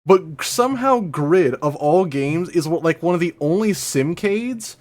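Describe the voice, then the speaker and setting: A man hosts a live stream, chatting casually in a laid-back way and swearing offhandedly. His voice sits a little high and a bit mellow, with lively intonation and a slightly slow pace. He often stammers and restarts his sentences.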